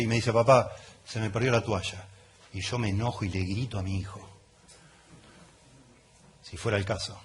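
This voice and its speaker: Middle-aged Argentine pastor, conversational sermon. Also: male voice, on the low side, slight background noise. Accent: Argentine Rioplatense Spanish. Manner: conversational, often checks in with the listeners. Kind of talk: expository sermon.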